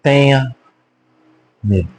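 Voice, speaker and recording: A man with a Brazilian Portuguese accent teaches the Bible in a casual preaching style, speaking slowly at medium pitch. He's lively, jokes, and throws rhetorical questions at his audience. The recording is low quality with slight background noise.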